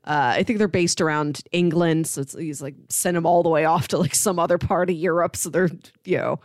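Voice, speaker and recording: Speaking a little fast in a lowish, steady voice, a woman co-hosts a podcast where films are discussed casually. The sound is clean studio audio with no room sound.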